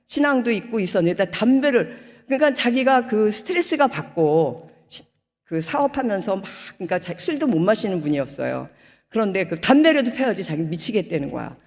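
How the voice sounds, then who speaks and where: A woman's voice: mid-range voice, a little fast. Fervent woman pastor, echoing hall. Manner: animated storytelling, acting out quoted dialogue; emotional, rising to fervent outbursts. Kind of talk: testimony sermon at a prayer retreat. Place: prayer retreat hall. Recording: long reverb of a large hall.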